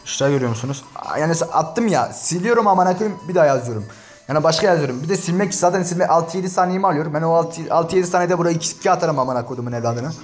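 A man with a slightly high, racing voice tears into an online insult battle, ranting and cursing nonstop as he talks directly to viewers over a screen share. Soft background music plays underneath.

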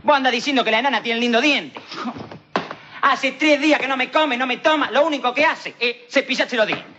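El Perro, a swaggering street hustler. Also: male voice, very high voice, brisk. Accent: Rioplatense Spanish. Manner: rambling, slangy, swaggering, keeps asking "all right?". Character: cocky streetwise male hustler, swaggering, slang-talking. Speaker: comic actor in a TV sketch. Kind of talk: TV comedy monologue in character. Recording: dull lo-fi 1990s TV tape with faint hiss.

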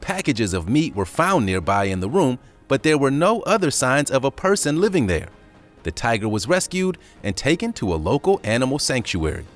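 A man reading a scripted countdown video narration in a lively storytelling manner. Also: medium pitch, normal speed, soft background music.

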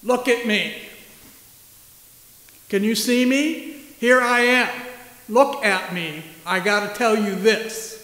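A man's voice: high-pitched, takes it slowly, pauses often, bright, forceful tone, full character voice. A man voicing Mary as an eager, bold young woman ready to serve, heard in an echoey church hall.

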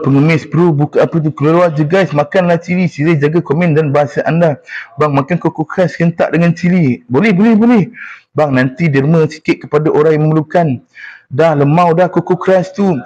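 A young man with a Malaysian Malay accent, chatting casually on a live stream, teasing viewers and reading their comments aloud. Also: a little high.

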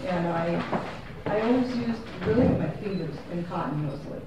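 A woman photographer gives a casual, unscripted gallery talk about her work, rambling and correcting herself. A far room camera with no microphone catches her fairly low voice at normal speed from across a small, very echoey gallery, with steady background noise beneath.

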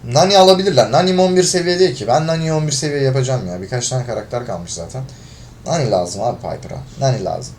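A man's voice: medium pitch, quick pace, a little hiss or hum. A man commentating his own gameplay, getting frustrated and swearing at his teammates. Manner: frustrated, swearing, shouts when losing. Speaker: gaming video creator.

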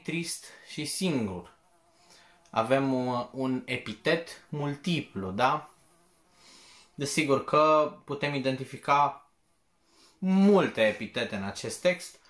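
A man walking students through an exam practice test step by step, often checking in with a quick question. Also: mid-range voice, fairly bright tone. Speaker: teacher. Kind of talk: exam-prep lesson walkthrough. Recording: echoey room.

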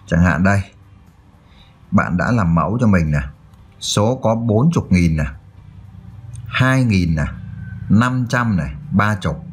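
Deep husky guy teaching kids math, slow and patient, faint music under it. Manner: checks in often with "được chưa?". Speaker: math tutor. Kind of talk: explaining a math exercise.

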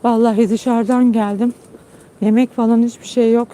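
A woman's voice: flat delivery, moderate pace. A woman host chatting casually to viewers on a phone live stream, tired after a long trip, outdoors at night in a garden. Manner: chatty, warm-hearted, calls her dog in high coaxing tones. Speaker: channel host.

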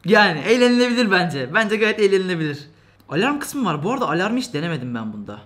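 Fast-talking, high-voiced male tech vlogger. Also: big pitch swings, fairly bright tone. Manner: chatty, joking, laughs often, mock-complaining. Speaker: tech reviewer. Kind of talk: casual product review vlog. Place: at his desk indoors.

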